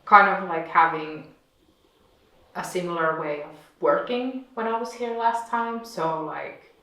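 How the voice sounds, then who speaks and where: Slow, low-voiced woman, echoey room. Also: sharp tone. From Finland. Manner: thoughtful, pausing often to find words. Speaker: visiting artist. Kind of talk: reflective conversation. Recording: echoey room, distant mic.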